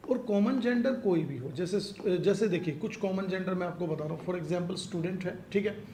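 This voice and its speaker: A man's voice: high voice, normal speed, mellow. A male teacher with an Indian English accent gives a grammar lesson for exam students, speaking Hindi and reading out English example sentences. He checks again and again that the class has understood. The voice rings in an echoey room, with a faint hum of ambience behind it.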